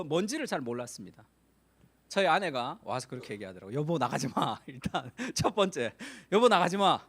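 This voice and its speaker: A middle-aged man preaching a Sunday sermon in a high voice. His pitch swings widely as he tells stories. He acts out the voices of the people in them. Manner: animated storytelling, acts out quoted voices. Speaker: pastor.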